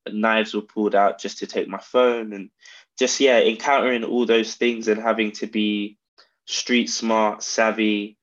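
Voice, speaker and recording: Man, South London accent, lowish voice, fairly even intonation, measured halting delivery, conversational interview guest. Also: dull audio. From South London, England. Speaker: interview guest, brand founder. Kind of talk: reflective conversational interview answers.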